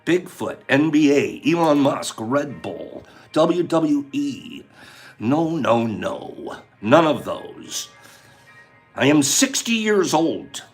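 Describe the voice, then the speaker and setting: A man hosts a casual livestream in an easygoing, chatty way, greeting viewers by name as he runs a guessing game. His voice sits a little high and swings widely in pitch. Faint music plays behind him. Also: slow pace. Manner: animated, chatty, reading out viewer names. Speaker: livestream host.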